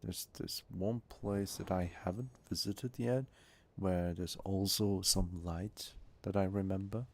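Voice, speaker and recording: Deep-voiced streamer, Turkish native speaker. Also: male voice, measured pace, slight background noise. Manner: relaxed, musing, chatting with viewers. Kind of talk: casual game-stream chat.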